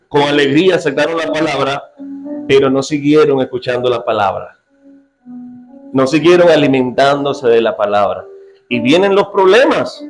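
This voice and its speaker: Male pastor, slightly high voice, playful sermon delivery with faint music behind. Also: low-quality recording. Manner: lively, joking preacher who quizzes his congregation. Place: church.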